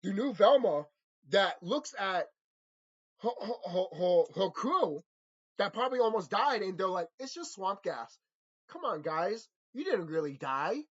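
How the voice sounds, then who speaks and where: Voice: medium pitch, sing-song, unhurried. A person delivering a vehement, profanity-laden opinion rant about cartoons, repeating phrases for mocking emphasis. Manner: ranting, vehement, heavy swearing. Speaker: commentator. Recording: dull lo-fi microphone.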